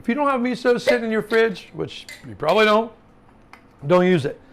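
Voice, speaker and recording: A man's voice: high-pitched, expressive, fairly quick. A man, a chef, teaching a casual cooking class in a home kitchen, talking informally with lots of fillers and asides. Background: sizzling pan and chopping.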